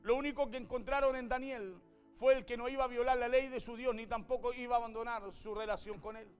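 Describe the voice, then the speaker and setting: A man preaching a sermon and reading scripture aloud. He speaks with fervor, repeats his phrases and breaks in with a quick "hey". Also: very high-pitched, steady tone, clean tone, faint music behind.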